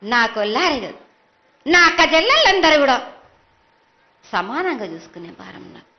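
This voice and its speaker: A woman's voice: high voice, big pitch swings, normal speed, muffled recording. A woman speaking as a goddess oracle, delivering ritual prophecy in a solemn, commanding, declamatory way. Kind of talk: ritual prophecy, chanted pronouncements.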